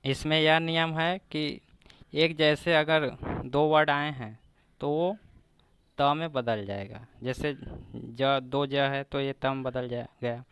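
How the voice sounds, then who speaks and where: A man teaching a grammar lesson for exam preparation, slowly breaking down each example word by word and repeating it. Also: mid-range voice, fairly even intonation, fairly bright tone, smooth, dry recording.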